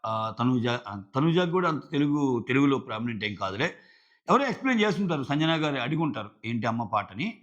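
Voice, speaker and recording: A man's voice: mid-range voice, fairly quick, dull audio. A man giving a casual review of a reality show episode, acting out the contestants' lines as he goes. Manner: animated, acts out contestants' lines in quotes.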